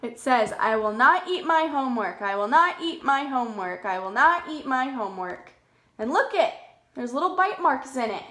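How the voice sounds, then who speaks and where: A woman with a high-pitched, bright, expressive and forceful voice reads a picture book aloud to young children at normal speed. Like a preschool teacher, she explains in simple words and asks them questions, recorded in an echoey room.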